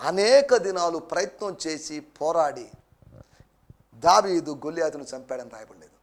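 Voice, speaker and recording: Male pastor, high voice, gravelly, emphatic sermon, slow english repeats. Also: lively intonation.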